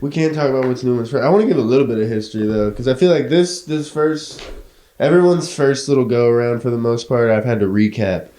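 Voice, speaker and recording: A man's voice: mid-range voice, quick pace, warm tone, roomy sound. A young man hosting a casual podcast chat, laid-back, swearing freely and laughing often. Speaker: podcast host.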